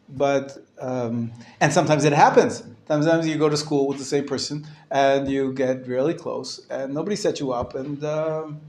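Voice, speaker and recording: A man's voice: mid-range voice, a little mellow. A man teaching a live class as a rabbi. He speaks informally and hesitantly, often restarting, asks and answers his own questions, and uses Hebrew religious terms. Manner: hesitant, halting delivery with frequent restarts.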